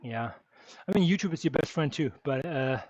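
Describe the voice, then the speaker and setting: A man's voice: fairly high pitch, normal speed, no echo. Man chatting on a ride stream. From Germany. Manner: relaxed, answers chat questions with many fillers. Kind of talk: casual live-stream chat while cycling. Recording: dull lo-fi stream audio.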